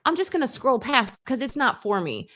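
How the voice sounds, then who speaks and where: A woman's voice: on the high side, big pitch swings, moderate pace, sharp tone. A woman co-hosting a radio show, chatting casually and giving her opinions frankly and with animation. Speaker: radio co-host.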